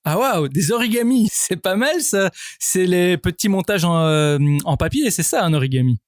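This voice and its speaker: A man's voice: high-pitched, lively intonation, normal speed, no room sound. A man hosting a business podcast interview, enthusiastic and upbeat in his questions. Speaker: podcast host.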